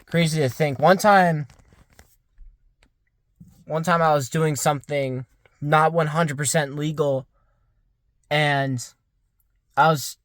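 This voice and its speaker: Dry, studio-quality audio captures a roughly 20-year-old vlogger thinking out loud. His fairly bright voice leans high, and his casual, rambling reflections lean heavily on "like."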